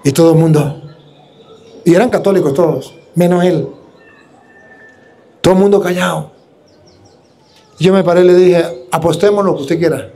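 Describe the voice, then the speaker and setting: A man's voice: sits high, fairly even intonation, a little slow, long pauses, dark tone. A man who is a priest, preaching a combative, mocking sermon.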